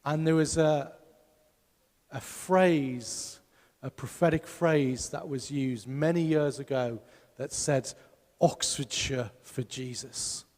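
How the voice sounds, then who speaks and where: A man's voice: mid-range voice, darkish tone, big-room sound. A man preaching a sermon as pastor, emphatic and putting rhetorical questions to his congregation. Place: church hall.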